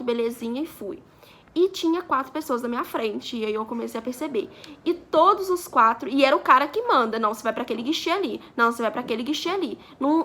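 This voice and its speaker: A Brazilian woman in her twenties tells a story for her vlog, chatting away and acting out the dialogue. Her voice is high with a sharp tone.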